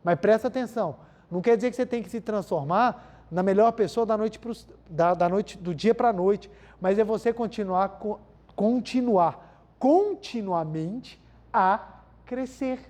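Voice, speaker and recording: A man's voice: high voice, measured pace, darkish tone. A man with a Brazilian accent giving a spiritual talk full of everyday stories, often calling out to his audience and repeating key lines for emphasis. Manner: keeps addressing the audience as "gente", repeats key phrases for emphasis. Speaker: spiritual lecturer.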